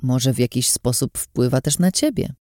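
A quiet, concerned young man, as a woman reads him in an audiobook, kept in her own low-key register. The tone is mellow and dark, recorded dry and close with nothing around it. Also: moderate pace, no echo. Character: young man, worried loyal friend, quiet.

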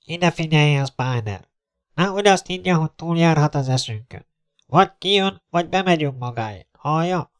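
A man voicing a stern male police captain who gives orders through a loudspeaker. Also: on the high side, animated, clear, resonant tone, voice pushed up, natural voice. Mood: commanding. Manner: commanding, demanding.

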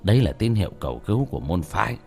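A man voicing a stern, resigned old exorcist who speaks low and matter-of-fact. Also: sing-song, rapid-fire, vocal fry, warm tone, husky, soft background music, full character voice. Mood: grave.

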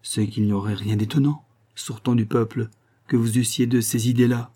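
A man's voice: mid-range voice, fairly even intonation, moderate pace, mellow, slightly rough, close to an everyday voice. A man reading an audiobook plays a boastful, penniless gambler who speaks pompously and sententiously.

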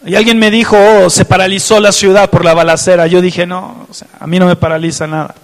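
A man's voice: high-pitched, big-room sound. A man preaching a fervent sermon, reading scripture aloud and asking his listeners direct questions. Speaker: pastor.

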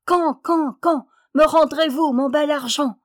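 A woman's voice: lively intonation, normal speed, natural voice. A woman voicing a plucky little male duck who keeps crying out for his money in a storybook. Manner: shrill, insistent crying out.

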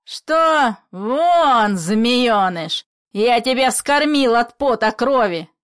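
A woman doing a shouting bitter old father. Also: mid-range voice, slow, no room sound, studio quality, close to an everyday voice. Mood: angry. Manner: furious shouting. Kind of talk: play reading.

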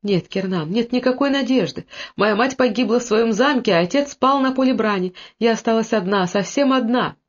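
A reader voicing a gentle, despairing young woman who pleads through tears, in a dull lo-fi audiobook recording. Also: mid-range voice, normal speed, pitched above the performer's own voice, natural voice. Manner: pleading, tearful.

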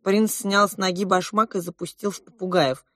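A woman reading a children's audiobook aloud in a calm, measured storytelling manner. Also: mid-range voice, dry recording, studio quality. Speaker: audiobook reader.

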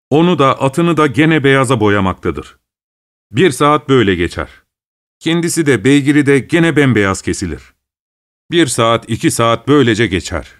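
A man reading a short story aloud in a steady, measured storytelling voice. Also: mid-range voice. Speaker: narrator.

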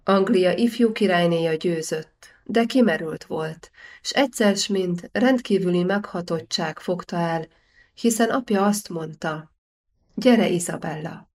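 A woman reading a historical novel aloud as an audiobook narrator, measured and steady. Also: on the low side. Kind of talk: scripted narration.

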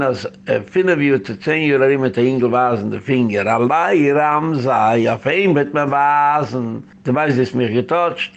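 A man's voice: medium pitch, vocal fry. A man who is a rabbi, giving a rambling community lecture that tells stories and drops in English phrases. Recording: dull lo-fi recording.

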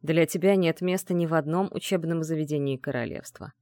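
A man voicing an arrogant male mage mentor who taunts in a calm, low, mocking tone, in an audiobook. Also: brisk, no echo, clean studio sound, lightly acted. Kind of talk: audiobook dialogue reading.

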